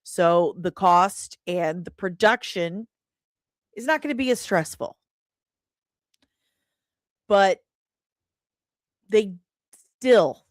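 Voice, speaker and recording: Hosting an entertainment news livestream, a woman at a medium pitch casually reads and responds to chat comments. She's chatty, playful, and irreverent, with plenty of slang and pet names, in studio-quality sound with no echo.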